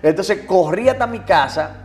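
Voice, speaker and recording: Over music, a guest who works as a TV producer tells a personal story with great animation, speaking in a high voice at a normal speed. He is lively throughout and acts out the voices of the people in his anecdote.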